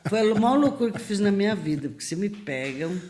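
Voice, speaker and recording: A middle-aged woman from Brazil tells her stories as a podcast guest. She talks in a lively, animated way, acting out the voices of the people she quotes and often laughing. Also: mid-range voice, moderate pace. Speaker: guest missionary. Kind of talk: lively storytelling in a podcast interview.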